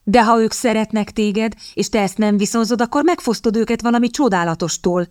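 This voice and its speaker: A woman's voice: mid-range voice, big pitch swings, a little mellow, no echo, clean studio sound, close to an everyday voice. A woman voicing an earnest, tender-hearted romantic girl in an audiobook. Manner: earnest, wistful.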